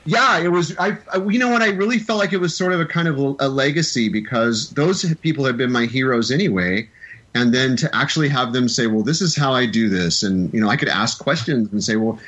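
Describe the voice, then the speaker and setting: A man's voice: mid-range voice, brisk, a bit bright, lo-fi sound. A man from the American Midwest, a film composer, telling his story in a casual interview with enthusiastic, rambling sentences.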